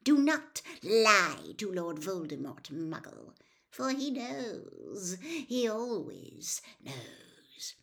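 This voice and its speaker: A woman voicing a cold, menacing male dark lord in an audiobook, speaking in a hushed, imperious, quietly threatening way. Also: mid-range voice, wildly swooping pitch, very slow, heavily acted. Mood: cold menace. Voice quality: cold, hushed, breathy at times. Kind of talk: audiobook character acting.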